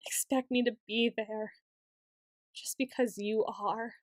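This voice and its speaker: In an ASMR role-play aimed straight at the listener, a woman plays a paranoid, obsessive young yandere student who stammers, pleads and accuses, insistently repeating herself. Her fairly high voice holds a steady tone at a slow pace, sounding bitter and obsessive. The recording is dry.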